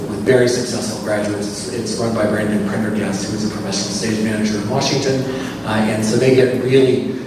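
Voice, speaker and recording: A man speaking to a gathering in a rehearsal room, halting and often restarting his sentences. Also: fairly low pitch. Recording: echoey room, far mic, background noise.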